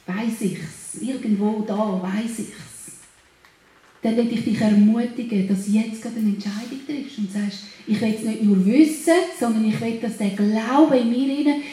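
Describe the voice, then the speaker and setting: A woman preacher, giving a sermon in an exhorting way and rising into loud declarations. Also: fairly high pitch. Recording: very echoey room.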